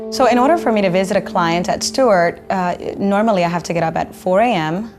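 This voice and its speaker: A woman from the Dominican Republic, an immigration attorney, speaking earnestly in a measured documentary interview. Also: medium pitch, over music.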